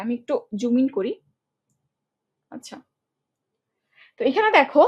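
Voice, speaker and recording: A female English teacher with a high, bright voice gives an online grammar lesson, explaining things briskly step by step. She often checks in with students by asking "ঠিক আছে?", and her colloquial speech mixes in English words.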